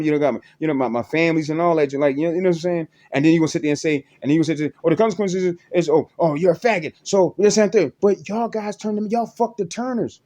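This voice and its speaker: Fast-talking man in a rambling monologue. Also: on the high side, dark tone. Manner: repetitive, profane, restarts constantly, frequent "you know what I'm saying". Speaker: vlogger.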